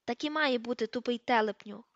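A woman reading the part of a stern, commanding older female professor in an audiobook, giving crisp, sharp orders. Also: fairly high pitch, a little fast, dry recording, highs cut off, lightly acted.

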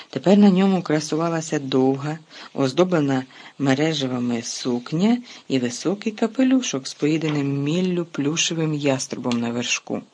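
An expressive audiobook narrator who tells the story with lively swings in volume and emphasis. The voice is husky and slightly breathy, sitting in a middle pitch. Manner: lively, expressive storytelling with sharp shifts in loudness. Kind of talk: audiobook reading.

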